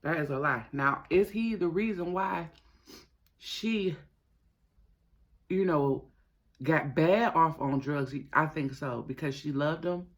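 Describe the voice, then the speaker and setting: A man hosting a mukbang, talking casually to viewers with his mouth sometimes full, gossipy and emphatic, pausing and repeating phrases. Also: on the high side, a bit bright. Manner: talks while eating, mouth sometimes full. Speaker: mukbang host. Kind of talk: casual chatty commentary to viewers while eating.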